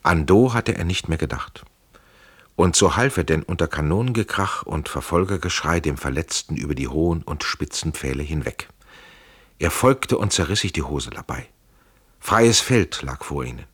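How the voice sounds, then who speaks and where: A man's voice: extremely low pitch, animated, normal speed, fairly bright tone, slightly rough, no echo. A man narrating an audiobook in a dramatic, vivid storytelling manner, close to a studio mic.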